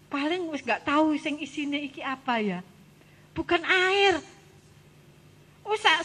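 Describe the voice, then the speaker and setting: A woman gives an animated, coaxing children's sermon as a Sunday school teacher. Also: high voice. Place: church hall. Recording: church hall reverb.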